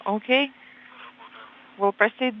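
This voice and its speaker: A woman interpreting radio calls live, in short halting phrases, over a radio feed. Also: on the high side. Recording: phone-like radio feed with humming noise.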